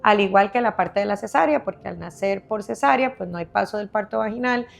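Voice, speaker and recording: A woman's voice: medium pitch, brisk, gravelly. A woman specialist patiently explaining baby health on a podcast, step by step, often checking in with her listener.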